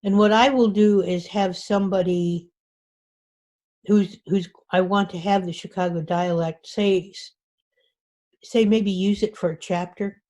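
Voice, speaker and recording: A woman's voice: medium pitch, fairly even intonation, measured pace, darkish tone. A woman author giving an informal talk to a writers group, speaking conversationally with frequent restarts. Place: meeting room.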